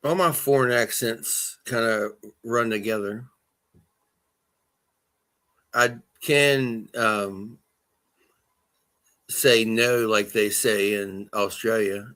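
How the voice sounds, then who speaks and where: A man co-hosting a casual chat, throwing in teasing jokes and quick questions. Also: fairly low pitch, steady tone, fairly bright tone.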